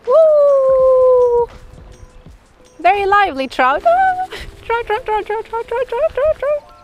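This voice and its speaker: A woman's voice: extremely high pitch, slow pace, dull audio. A woman, chatting self-mockingly while fly fishing on a riverbank. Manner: chatty, self-mocking, excitable when hooking fish. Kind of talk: casual chat while fishing. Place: outdoors on a riverbank. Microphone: camera mic, sometimes far. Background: music.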